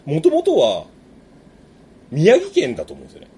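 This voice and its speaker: A man speaking casually as a guest, with hesitant, halting phrasing. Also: a little high, wildly swooping pitch, over a noisy crowd. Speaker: podcast guest, rice ambassador. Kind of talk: casual interview talk.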